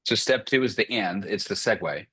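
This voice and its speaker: A man's voice: on the low side, animated, moderate pace, bright, forceful tone, husky, no echo. A man coaching sales closers on a group video call, blunt and profane, firing off short commands.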